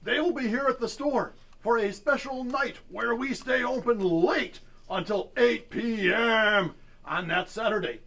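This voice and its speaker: A man's voice: high voice, fairly bright tone, exaggerated voice. A man playing a jolly male pirate announcing store events, with hearty pirate growls between items.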